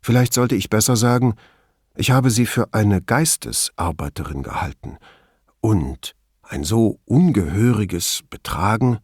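A guy doing a quiet careful cop, low hesitant voice, dry. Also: sing-song, slow, hardly any pauses, slightly rough, dry recording, full character voice. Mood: reserved. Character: middle-aged male police commissario, polite and wary.

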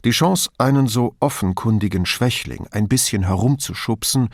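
A man reading an audiobook in a measured, expressive narration. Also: medium pitch, creaky, no echo, studio quality. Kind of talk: scripted narration.

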